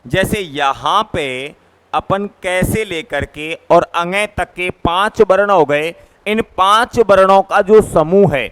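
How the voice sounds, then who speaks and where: A man teaching a grammar lesson in a classroom, his fairly high voice smooth and clear. He speaks slowly and patiently, sounding out each letter in turn and going back over his points. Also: a bit bright. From Rajasthan, India. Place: classroom, writing on a board.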